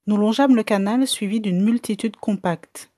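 A woman reading a science fiction story aloud as an audiobook narrator, in a measured storytelling manner. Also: medium pitch, mellow, no room sound, studio quality. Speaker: audiobook reader. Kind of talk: scripted narration.

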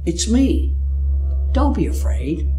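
A man's voice: sits high, big pitch swings, takes it slowly, dark tone, soft background music, voice pushed up, full character voice. A man reading the lines of a reassuring male figure in an emphatic, raised voice. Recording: echoey room, mic at a distance.

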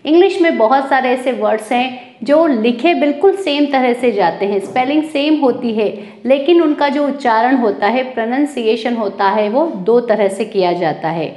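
A woman's voice: on the high side, moderate pace, a little mellow. A woman from India with an Indian accent, giving a spoken English pronunciation lesson and carefully spelling out words letter by letter. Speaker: English teacher. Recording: echoey room.

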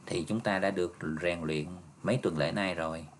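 Low-voiced male teacher. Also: steady tone, normal speed, a little hiss or hum. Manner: patient, explains step by step, ends phrases with "ha" and "nha". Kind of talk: exam review lesson.

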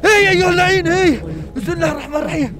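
A man with a very high voice and a Levantine Arabic accent hosts a staged adventure vlog. He talks fast and frantically, shouting warnings and muttering prayers under his breath. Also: a crowd in the background, noisy background. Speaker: adventure vlogger.

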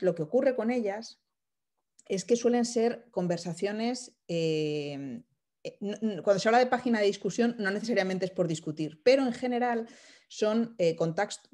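Mellow-voiced woman explaining with hesitations. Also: mid-range voice. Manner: thoughtful, many hesitations and restarts. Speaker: speaker at an online workshop. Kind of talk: informal explanatory talk. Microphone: video call, laptop camera close up.

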